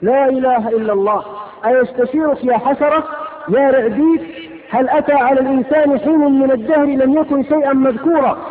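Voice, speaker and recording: A man's voice: very high-pitched, quick pace. A man preaching a sermon, impassioned, rhetorical and scolding. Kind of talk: fiery sermon. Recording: lo-fi phone-like sound with hall reverb.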